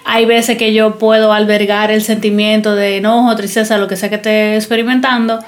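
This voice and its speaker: A woman's voice: medium pitch, little pitch movement, fairly quick. A woman co-hosting a podcast, talking reflectively in casual chat. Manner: reflective, supportive listener. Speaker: podcast co-host.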